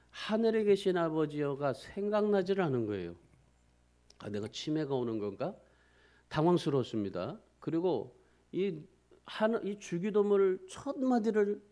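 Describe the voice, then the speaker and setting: A man's voice: a little high, dark tone. A male pastor preaching a Sunday sermon, telling a story in an earnest, pleading way and often restarting words. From South Korea.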